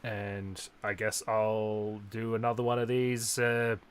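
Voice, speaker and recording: A man hosting his own live stream in casual chat, animated and jumping high in pitch for quoted asides. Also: slow, clean tone. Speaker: streamer host.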